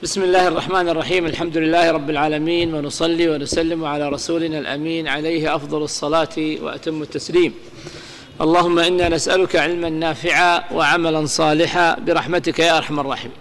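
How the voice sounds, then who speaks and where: A man teaching Arabic grammar to a class, explaining slowly, repeating examples and asking rhetorical questions. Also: fairly high pitch, level tone, fairly bright tone, big-room sound, a little hiss or hum.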